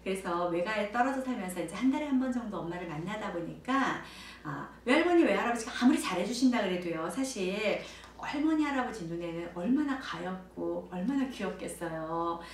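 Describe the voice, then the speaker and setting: A woman directing a child training center, explaining parenting methods to camera in an animated way and acting out bright exclamations to children. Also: medium pitch, brisk, few pauses. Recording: echoey room, voice a bit far from mic, faint background noise.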